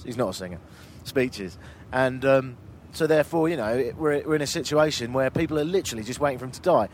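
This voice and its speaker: Outdoors on a river boat, a man with a mid-range voice hosts a travel vlog, chatting casually in a dry, self-deprecating, joking way. There's slight background noise.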